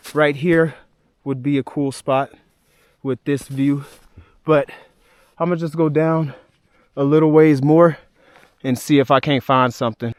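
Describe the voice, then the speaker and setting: A man's voice: a little high, clear, resonant tone, no echo, studio quality. A man from Alabama, vlogging a solo hike outdoors in the snowy mountains, emotional and thankful as he talks to his viewers. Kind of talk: solo hiking vlog.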